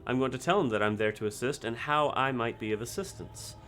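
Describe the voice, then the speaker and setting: A man's voice: mid-range voice, animated, fast talker, fairly bright tone, faint music behind. A man playing a tabletop game, earnestly laying out his plan and laughing often. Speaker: player.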